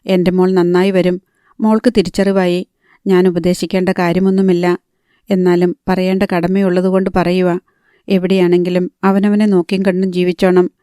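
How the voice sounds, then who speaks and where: An aging village father gives his daughter earnest, gentle advice, read by a woman narrator in an audiobook. The voice is mellow and smooth, with a flat, even delivery. The recording is close and dry. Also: lowish voice, no room sound, natural voice.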